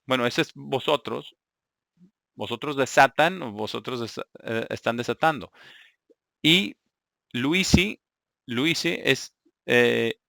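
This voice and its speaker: Slow, bright-voiced man preaching. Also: mid-range voice, vocal fry, no echo, studio quality. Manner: halting, repeats words and asks "¿verdad?" often. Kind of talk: sermon teaching Greek grammar.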